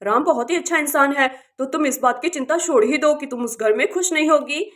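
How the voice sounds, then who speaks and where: A worried but caring village husband and brother from a doll drama, voiced by a woman. He is firm and consoling, and his voice sits high. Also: brisk, close to an everyday voice. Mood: earnest.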